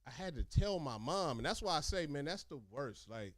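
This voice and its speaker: A man telling stories casually in animated, profane street slang, talking like a streetwise former inmate. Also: a little high, moderate pace, no room sound, studio quality. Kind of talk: casual storytelling chat.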